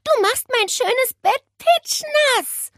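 A woman voicing an indignant young girl who scolds a noisy pet, in a high, raised voice. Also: expressive, takes it slowly, fairly bright tone, no room sound, studio quality, exaggerated voice. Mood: scolding. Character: cross young girl woken too early.

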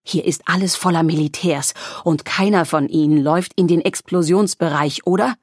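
A woman doing a gruff man bellowing warnings. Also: on the low side, moderate pace, no echo, studio quality, natural voice. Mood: urgent shouting. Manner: loud, urgent bellowing. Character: gruff man shouting orders amid chaos.

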